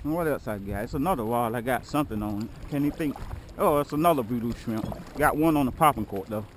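A man fishing from a kayak outdoors, chatting casually to viewers and his partner, often excited. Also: medium pitch, fast talker, a little hiss or hum. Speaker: kayak angler filming his trip. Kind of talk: casual fishing vlog chat. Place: kayak on open water outdoors. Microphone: action camera mounted on the kayak.

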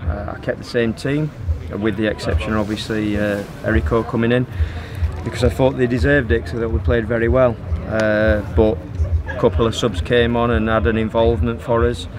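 Flat-toned football manager outdoors. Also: male voice. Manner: measured, even and level, with frequent fillers. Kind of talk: post-match interview. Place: outdoors on a football pitch by the stands. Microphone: handheld phone held by interviewer. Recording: outdoor pitch with crowd noise behind. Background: crowd noise.

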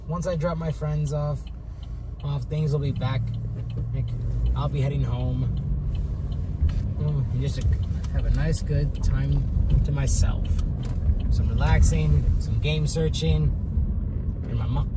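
A young man from Michigan vlogging while driving, tired, rambling and often repeating and correcting his words. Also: mid-range voice. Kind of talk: casual talk to camera while driving. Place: inside a car on town streets. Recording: distant mic, loud road noise.

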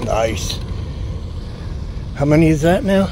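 Chatting to viewers as he magnet fishes at a city pond, a man exclaims over every find. His fairly high voice is very animated, though his pace is slow. It is filmed outdoors on a chest-mounted action camera amid loud wind and water noise.

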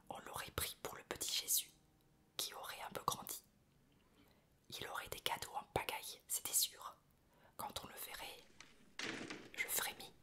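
A woman reading a novel aloud in a soft, breathy ASMR whisper, in a slow storytelling manner. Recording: piano music behind the whisper. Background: piano music.

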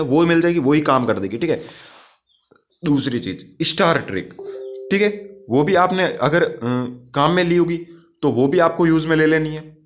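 A man hosting a casual tutorial over gameplay. He speaks directly and repeats himself, often checks that the listener understands, and calls the viewer brother. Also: on the high side. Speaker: YouTube gaming-tips host.

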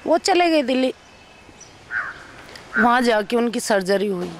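A woman's voice: fairly high pitch, sing-song, unhurried, a little hiss or hum. Woman actress telling her story. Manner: recounts events by acting out others' speech. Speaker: actress being interviewed. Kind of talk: emotional personal storytelling in an interview.

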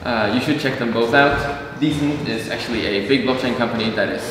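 A man hosting a fireside chat before an audience in a university lecture hall, talking in a relaxed, chatty way with fillers. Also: mid-range voice, fairly quick, far from the mic, noisy background. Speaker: event host and interviewer. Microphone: far camera, seated on a desk. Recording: echoey hall heard from afar.

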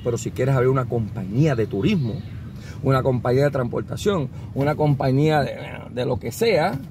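A Puerto Rican man with a Puerto Rican Spanish accent gives casual, animated advice while driving, mixing English words into his Spanish. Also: medium pitch, a little fast. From Puerto Rico. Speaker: vlogger and consultant. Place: inside a car on a city street. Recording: car with road noise. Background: traffic and car noise.

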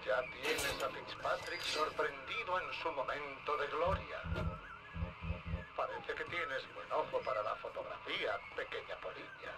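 A man's voice: fairly high pitch, wildly swooping pitch, unhurried, pauses often, pushed and bright, heavily acted, rough recording. An actor playing a theatrical, self-satisfied male artist who speaks over a radio in dubbed video game dialogue. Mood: grandiose.

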